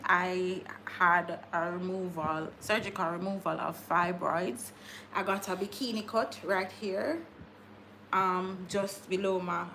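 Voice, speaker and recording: A woman's voice: mid-range voice, a bit bright, a little hiss or hum. A woman, hosting a casual live stream, chatting with viewers, laughing often and repeating words as she talks. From Jamaica. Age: 30s. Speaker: livestream host.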